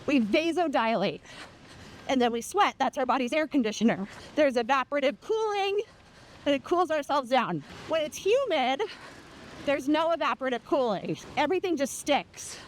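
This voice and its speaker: A woman chatting casually and candidly while running in the heat, playful and quick to swear. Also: sits high, big pitch swings, slight background noise.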